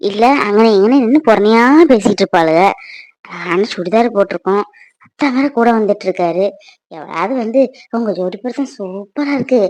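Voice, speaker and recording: A vain, gossipy young village woman in a cartoon chatters and shows off, voiced by a woman. Her voice is high and lively, recorded close with no room sound. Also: no echo. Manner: showy, gossipy, giggly chatter. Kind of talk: cartoon voice acting.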